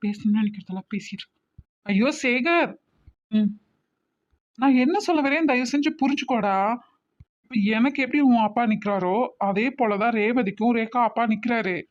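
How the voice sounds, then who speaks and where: A woman's voice: on the high side, moderate pace, long pauses, close to an everyday voice. A woman voicing a bossy, scolding adult woman in a cartoon family drama, emphatic and full of rhetorical questions. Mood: pleading. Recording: slightly muffled recording.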